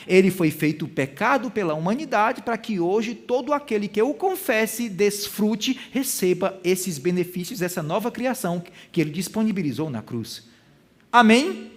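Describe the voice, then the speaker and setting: A man teaching a Bible lesson in sermon style, asking the audience questions and acting out quoted voices, with a Brazilian Portuguese accent. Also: high voice.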